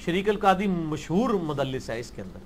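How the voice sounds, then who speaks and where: A man's voice: fairly high pitch, sing-song, slight background noise. A man answering religious questions in a blunt, argumentative and dismissive way.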